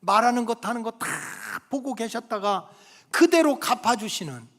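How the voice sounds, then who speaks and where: A male pastor preaching a Sunday sermon, acting out scolding parents and squabbling children, swinging between loud emphasis and near-whispered asides. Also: high voice. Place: church sanctuary. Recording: long hall reverb from the church.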